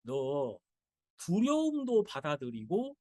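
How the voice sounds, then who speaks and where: A man voicing Jesus as a calm, stern figure who firmly admonishes a believer. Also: on the high side, takes it slowly, no echo, clean studio sound, voice pushed down, heavily acted. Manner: firm, admonishing.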